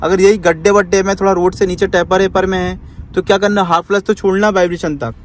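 High-voiced male driving instructor. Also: fairly even intonation, quick pace, slight background noise. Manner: instructive, repeats commands, tags lines with "ठीक है". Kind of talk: in-car driving lesson. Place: inside a car on the road.

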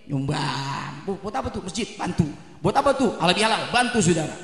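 High bright-voiced preacher in echoey hall. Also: male voice, big pitch swings, a little fast, vocal fry. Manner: joking, asks the crowd "right?". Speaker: Islamic preacher. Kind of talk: comedic sermon to a crowd. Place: community event hall. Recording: echoey hall with long reverb.

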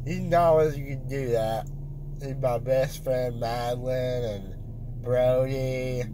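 A man's voice: mid-range voice, takes it slowly. A teenage boy, loopy and groggy after wisdom teeth surgery, rambling insistently and repeating himself in casual chat. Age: teenager, fifteen. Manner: insistent, repetitive, unfiltered. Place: inside a car. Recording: noisy car interior.

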